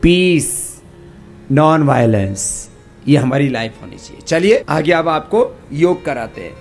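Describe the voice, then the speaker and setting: A man with an Indian accent leading a yoga class, chanting mantras slowly and correcting the students' pronunciation. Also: a little high, sing-song, a little mellow, soft background music. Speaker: yoga teacher.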